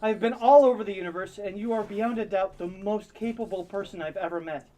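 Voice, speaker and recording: A woman's voice: mid-range voice, fairly quick, mellow, lightly acted, rough recording. A woman playing a doting, dorky single dad, earnest and sentimental, in an improvised comedy audio drama. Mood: earnest urging. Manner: earnest, sentimental pep talks.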